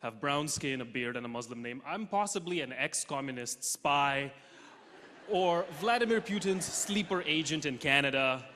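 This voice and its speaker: A young man from Russia doing a stand-up comedy set on stage, deadpan punchlines with sudden loud jumps. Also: on the high side, moderate pace. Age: young adult. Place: large theatre stage with audience. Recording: hall reverb, faint noise.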